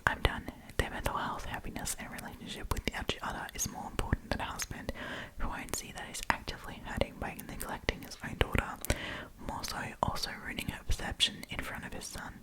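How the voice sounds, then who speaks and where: In a rough recording, a woman hosting ASMR reads stories in a breathy, voiceless whisper. Her comments between passages are chatty, casual, and opinionated.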